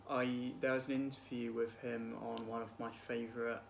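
In a clearly noisy recording from a small room at home, a PhD student in his twenties talks about books as a vlog guest. His voice sits at medium pitch with a level tone and normal speed, and his casual chat is hesitant and thoughtful, with trailing phrases.

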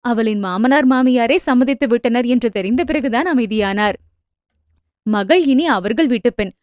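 A woman narrating a family novel as an audio book, telling the story in a steady, even way. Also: a little high, normal speed, dry recording.

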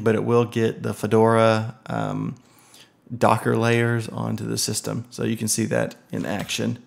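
Clicking his way through a software setup, a relaxed man narrates a laid-back tech walkthrough on screen. His voice is low with a heavy gravelly fry, and he thinks aloud at an easy pace, with lots of ums and uhs filling the gaps.

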